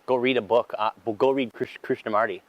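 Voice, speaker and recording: A man's voice: mid-range voice, steady tone, fairly quick, highs cut off. A man speaking casually as a fitness entrepreneur being interviewed while he exercises on a treadmill. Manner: talking while walking or jogging on a treadmill.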